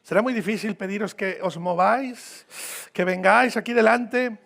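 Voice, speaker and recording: In a church hall, a visiting pastor from Mexico delivers a sermon in a creaky, high and somewhat bright voice at a moderate pace. His Mexican accent comes through as he jokes informally and repeats phrases for emphasis.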